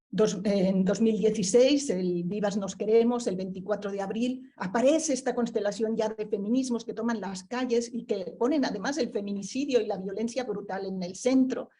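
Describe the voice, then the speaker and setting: Here a thoughtful woman from Barcelona talks at normal speed in a mellow, medium-pitched voice while presenting a book on a panel. Fillers and tag questions come often as she gropes for words.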